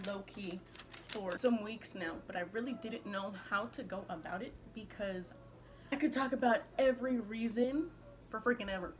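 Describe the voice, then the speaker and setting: A woman chatting casually to camera, rambling and interrupting herself in animated slang, with a slight lisp from wearing a retainer. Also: medium pitch, slight background noise. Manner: slangy, sweary, animated self-interrupting delivery. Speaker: vlogger.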